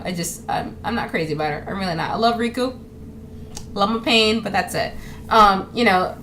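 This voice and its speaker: A woman talking casually to camera in a vlog, animated and chatty, with lots of fillers. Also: mid-range voice, noisy background. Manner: animated, acts out quoted voices; chatty, with many fillers like "um" and "you know". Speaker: actress and model vlogger.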